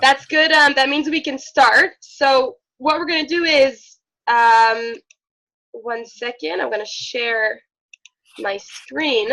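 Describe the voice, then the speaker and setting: A woman from Israel with a slightly unusual American-sounding English accent, teaching an online Hebrew class in a friendly, measured way with many fillers. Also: sits high, pushed and bright, low-quality recording. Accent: slightly unusual American-sounding English, Israeli-born. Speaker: Hebrew instructor. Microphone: video call.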